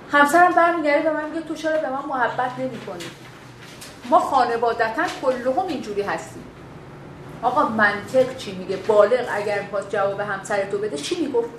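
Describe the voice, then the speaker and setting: A woman teaches a class in a lively, animated way, often slipping into quoted lines of dialogue to make her point. Her voice sits a little high. The room is echoey, with faint background noise. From Bakhtiari heritage. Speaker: instructor. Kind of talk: classroom lecture on communication.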